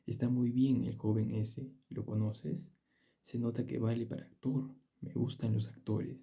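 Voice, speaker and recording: Storybook part: a fickle young woman, wheedling and theatrical, dark husky tone, read by a man. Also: mid-range voice, little pitch movement, unhurried. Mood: gushing.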